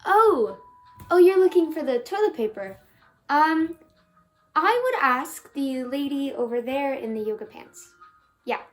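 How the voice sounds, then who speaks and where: A woman's voice: high voice, very animated, unhurried, low-quality recording. A woman acting a chatty, awkward young store cashier in a stage monologue, bubbly and hesitant with nervous restarts. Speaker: student actor.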